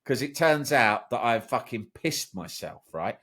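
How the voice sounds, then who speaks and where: A man, a podcast guest, telling a lively personal story in a casual, animated way. He swears freely and often tags his sentences with "right?". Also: mid-range voice, unhurried. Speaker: podcast guest, journalist and broadcaster.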